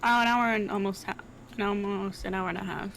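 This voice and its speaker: A young woman chatting casually off to the side of a stream, playful and a little puzzled. Her voice sits at an ordinary middle pitch. Clear background noise runs behind her. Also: fairly even intonation, a little fast, a bit bright. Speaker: friend of the streamer. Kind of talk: casual chat.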